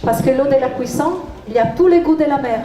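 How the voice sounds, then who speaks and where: A woman's voice: sits high, fast talker. A woman from Italy with an Italian accent and foreign-sounding, imperfect French, explaining a recipe in a live cooking demonstration. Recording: echoey room with crowd noise.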